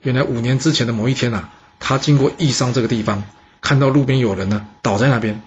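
A man telling a history story in a lively, chatty way. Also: mid-range voice, a little hiss or hum. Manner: lively, chatty, drawn-out particles. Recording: dull lo-fi recording.

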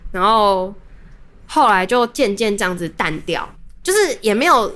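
A woman's voice: mid-range voice, lively intonation, normal speed, fairly bright tone. A young adult woman, hosting a podcast and telling a personal story in a casual, rambling way with many restarts. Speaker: podcast host.

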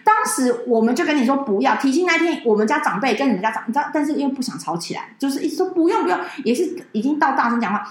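A woman, co-hosting a podcast and telling a story in an animated, indignant way, swearing now and then. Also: sits high, rapid-fire, few pauses, reverberant. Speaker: podcast co-host. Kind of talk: casual chat, personal storytelling.

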